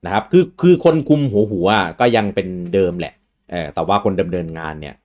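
A man hosting a casual gaming chat, relaxed and rambling with fillers and restarts. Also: deep voice, fast talker. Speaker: host.

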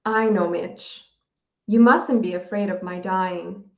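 A woman reading a calm, dying old professor. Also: mid-range voice. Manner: soft, calm, unhurried. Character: dying elderly male professor, calm and gentle. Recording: dull, roomy recording.

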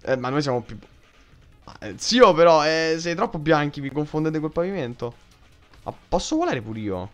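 A young man with a Roman accent gives lively let's-play commentary in a slightly high voice. He jumps all over his register, shrieking when startled and swearing freely. Faint music plays behind him. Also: normal speed. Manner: excitable, shrieks in panic, swears and laughs a lot. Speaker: gaming youtuber.

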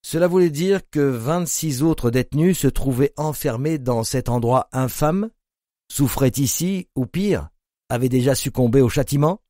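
A man narrating an audiobook in a grave, measured reading. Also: medium pitch, warm tone, dry recording, clean studio sound. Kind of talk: scripted narration.

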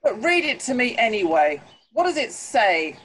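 A woman's voice: fairly high pitch, big pitch swings, normal speed, breathy edge, heavily acted, rough recording. A woman voicing a blustering angry storybook king. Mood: angry scornful. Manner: shouting, scornful, self-important. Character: loud, angry, boastful male king.

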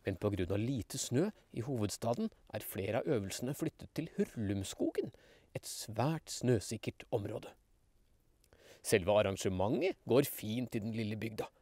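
A man narrating a children's audiobook in a lively, expressive way. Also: on the low side.

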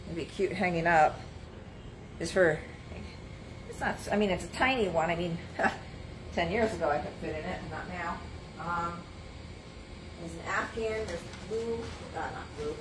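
Her voice is on the low side, measured in pace, with long pauses. A middle-aged woman, she casually pitches antiques on a live sales stream from a shop booth, giving items, sizes and prices. A stand-mounted phone or camera records her moving around in frame, amid roomy shop sound and background noise.

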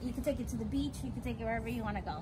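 A young woman races through a casual explanation of her homemade build, step by step, in a fairly high voice. Her vlog was recorded in a driveway next to a house, using the mic of a handheld camera nearby, with loud outdoor noise throughout.

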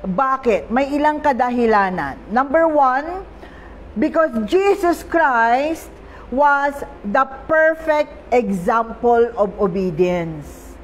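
A Filipino woman preaching to a church congregation through a small microphone, her voice set a bit high. She talks in an unhurried, deliberate way, often asking the congregation for an "Amen.". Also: expressive, a little hiss or hum. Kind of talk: sermon. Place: church worship service.

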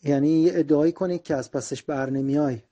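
A man whose first language is Persian teaching everyday English phrases, saying each phrase slowly and then explaining it quickly in Persian. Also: fairly high pitch, steady tone, dark tone.

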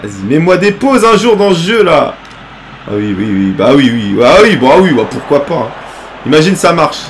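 A man's voice: on the high side, big pitch swings, normal speed, slight background noise. A young French man streaming live gameplay, groaning, swearing and bantering with chat as he plays. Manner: exasperated, swearing, groaning at the game. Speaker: gaming streamer.

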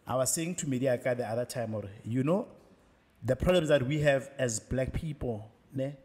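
A man's voice: medium pitch, moderate pace, a little mellow, long reverb tail. A man with a South African accent, speaking reflectively and persuasively as a podcast co-host in a casual panel talk. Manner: reflective, persuasive, mixes in Sesotho.

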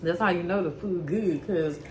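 A woman's voice: on the low side, normal speed, background noise. A woman in her thirties hosting a casual cooking vlog from her home kitchen, chatty and talking straight to her viewers. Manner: chatty, addresses viewers as y'all and baby. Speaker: cooking channel host.

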